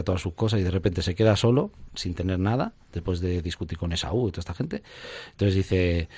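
Male priest, very low voice, animated storyteller, dry close recording. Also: no echo. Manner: storytelling, acts out scenes with sound effects. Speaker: priest guest. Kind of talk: reflective spiritual conversation.

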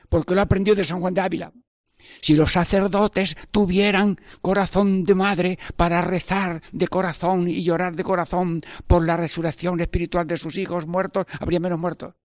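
Older priest, earnest sermon, slightly high voice, dry close sound. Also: male voice, darkish tone, no echo. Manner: earnest, repetitive preaching with prayerful asides. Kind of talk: Stations of the Cross sermon.

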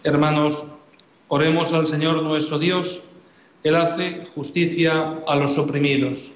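Priest with cathedral echo. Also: male voice, fairly high pitch, fairly even intonation. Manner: solemn, measured delivery. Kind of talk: sermon and Mass prayers. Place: large church. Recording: echoey church, dull sound.

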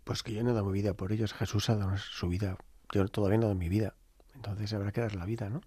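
A man, a priest telling a story in an interview and acting out the voices of the people in it with lively energy. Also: on the low side, fast, husky, dry recording. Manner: animated, acts out dialogue with shifting voices.

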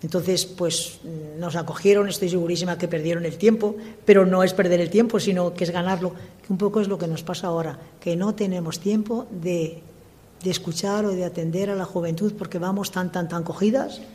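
An older woman, a religious sister, talking as an interview guest and recounting her life in a lively way with voiced-out dialogue. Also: on the low side, a little fast. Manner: lively, animated retelling of her own past with quoted dialogue. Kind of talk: storytelling in a radio interview.

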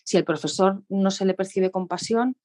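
A woman vocal coach explaining voice technique in a radio interview, lively and demonstrative, laughing often. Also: medium pitch, normal speed. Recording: radio studio.

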